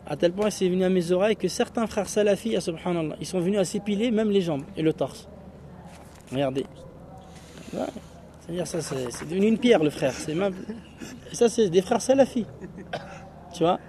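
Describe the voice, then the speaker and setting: A man's voice: sits high, a little fast, pauses often, dark tone, a little hiss or hum. A man teaching an Arabic class, explaining in French with Arabic phrases mixed in and often checking with "tu vois?".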